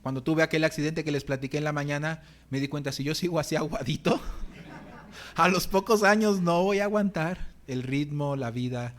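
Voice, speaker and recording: Middle-aged man, pastor giving a church sermon; high voice, playful and self-mocking. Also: moderate pace. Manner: humorous, acts out his own groans and complaints. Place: church hall.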